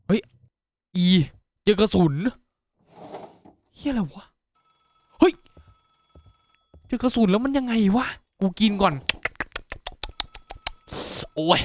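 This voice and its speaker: A man giving casual, profane commentary on a horror game, yelping when startled and dropping to a hush while sneaking. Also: medium pitch. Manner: excitable, swears a lot, yelps when startled; drops to a hushed voice while sneaking. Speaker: gaming YouTuber.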